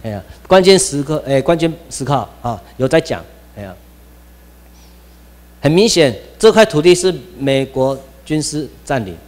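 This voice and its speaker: A man's voice: a little high, animated, moderate pace, darkish tone, long reverb tail. A man with a Taiwanese Mandarin accent giving an informal classroom lecture, rambling with frequent restarts and exclamations.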